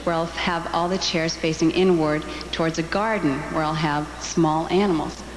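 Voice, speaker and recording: A poised young American woman answers like a pageant contestant, composed and tidy. Her voice is on the lower side and rings through a big, noisy hall. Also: fairly even intonation, moderate pace. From Los Angeles area, United States. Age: 20s. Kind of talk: live pageant interview answer. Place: large echoey stage hall. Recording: echoey hall, background noise, old broadcast.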